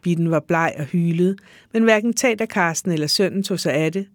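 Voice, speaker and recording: A reader giving a measured, even literary reading. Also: medium pitch, no room sound. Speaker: audiobook reader.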